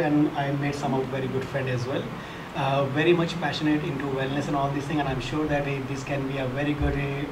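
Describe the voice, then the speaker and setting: A man in his thirties from India, earnestly thanking a group with many fillers, into a handheld mic. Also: medium pitch. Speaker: course participant. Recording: echoey room, background noise.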